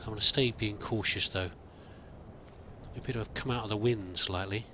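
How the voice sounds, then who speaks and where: The voice is fairly low, steady, brisk and sharp, with a little hiss or hum. It's a let's play roleplayer voicing a pilgrim, his in-character commentary musing and hesitant, drifting as he thinks aloud.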